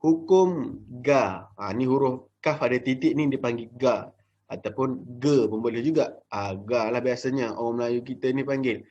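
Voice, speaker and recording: A young man with a Malaysian Malay accent teaching a casual Jawi lesson to children, chatty and full of fillers, sounding out syllables slowly. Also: medium pitch, fairly even intonation, darkish tone, dull audio, a little hiss or hum.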